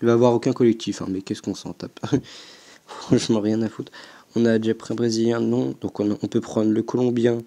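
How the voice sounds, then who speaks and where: A young man giving casual, hesitant commentary as he plays a football game, thinking aloud with frequent pauses and fillers. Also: on the low side, little pitch movement, creaky, mellow. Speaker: gaming YouTuber.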